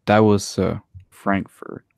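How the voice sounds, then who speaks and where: Young guy, really deep voice, chill, lots of ums, dry sound. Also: steady tone, takes it slowly, vocal fry, darkish tone, clean tone, no room sound. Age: young adult. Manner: laid-back, hesitant, many fillers. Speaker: podcast co-host. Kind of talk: casual chat.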